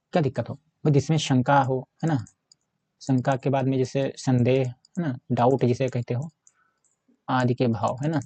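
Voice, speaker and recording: Husky-voiced man teaching grammar. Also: mid-range voice, mellow, no echo. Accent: Hindi of Uttar Pradesh. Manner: repetitive, keeps asking 'है ना'; talks while writing on a board. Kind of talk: casual exam-prep grammar lesson.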